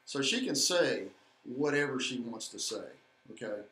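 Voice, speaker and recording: A man's voice: medium pitch, expressive, moderate pace, bright, forceful tone. A man co-hosting a local civic live stream, talking earnestly to viewers with hesitant fillers and a frequent "okay?". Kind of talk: casual talk, addressing viewers. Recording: echoey room with faint background noise.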